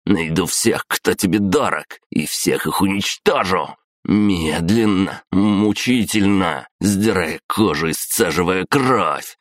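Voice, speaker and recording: A hot-headed young prince spitting vicious threats at a foe, as a male narrator puts him on. The deep, low voice is lifted only slightly, loud and harsh, recorded dry and close. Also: dry recording, full character voice.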